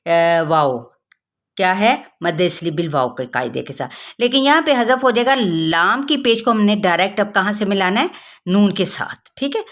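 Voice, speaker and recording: A woman teaching Quran recitation rules, chanting verses slowly and then explaining the pronunciation step by step, asking and answering her own questions. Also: mid-range voice, expressive, a bit bright. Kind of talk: tajweed lesson with slow chanted recitation.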